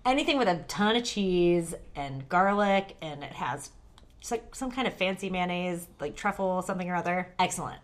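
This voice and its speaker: A woman chatting casually as a guest, upbeat and quick to laugh. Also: lowish voice, animated. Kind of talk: casual chat.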